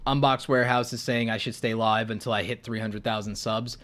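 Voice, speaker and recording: Hosting a live Q&A and channel review stream on YouTube, this man is sick and losing his voice. His medium-pitched voice is steady, brisk and fairly bright, and he gives frank advice while thinking aloud with plenty of ums.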